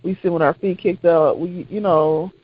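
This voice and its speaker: A woman's voice: on the low side, steady tone, normal speed, slightly rough, highs cut off. A woman co-hosting a podcast, chatting casually, swearing freely and laughing often. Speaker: podcast co-host. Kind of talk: casual chat.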